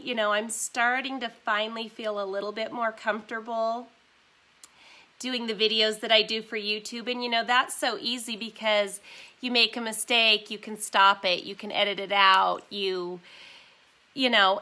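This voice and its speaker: A woman in her forties, owner of a vintage shop, hosts her first live stream from home on a phone, chatting casually and reading comments. Her voice is fairly high, bright and forceful, though stuffy and nasal from a sinus cold, and she apologizes for the sniffles and her ums.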